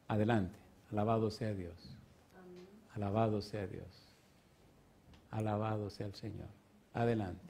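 A man preaching an evangelistic sermon and calling people forward, swinging between loud, fervent preaching and soft pleading. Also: on the low side. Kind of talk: evangelistic sermon with altar call. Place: church stage.

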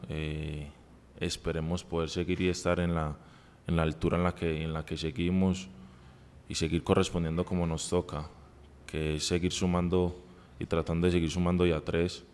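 Deep flat-voiced man. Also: smooth, in a large hall. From Colombia. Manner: halting, many restarts and fillers. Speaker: football player. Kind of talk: press conference answers. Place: press room in front of a sponsor backdrop. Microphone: table mic.

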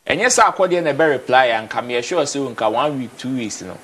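A young Ghanaian man with a Ghanaian accent speaks as a guest in a casual indoor TV studio discussion. His medium-pitched voice is expressive, brisk and a bit bright with a breathy edge, and he switches between Twi and English, repeating words to press his points.

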